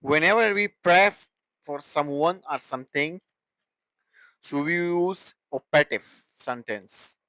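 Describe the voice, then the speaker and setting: A young man teaching English grammar in a fairly high voice. He talks very slowly and deliberately and repeats each example sentence. The sound is dry and close, with no room echo. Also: lively intonation, sharp tone. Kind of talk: grammar lesson.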